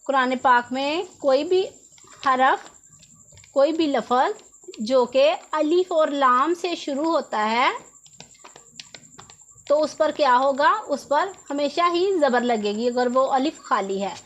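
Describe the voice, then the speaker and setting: A woman's voice: sits high, animated, takes it slowly, long pauses, dull audio. A woman teaching a Quran reading lesson, patiently repeating each rule and asking questions before answering them herself. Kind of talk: step-by-step lesson explanation.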